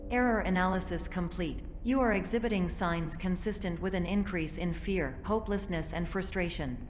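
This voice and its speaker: A woman voicing a malfunctioning female AI therapy system in a game, with a glitching robotic sound and a flat, procedural delivery. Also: on the low side, normal speed, soft background music. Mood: clinical. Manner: flat, procedural, reads out protocol steps. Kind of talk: game voice acting. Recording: long reverb with faint noise.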